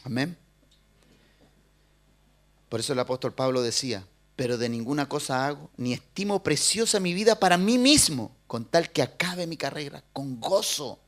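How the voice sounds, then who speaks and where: A middle-aged man preaching a sermon as pastor, swinging from loud urging to hushed confession. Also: fairly high pitch, animated, normal speed.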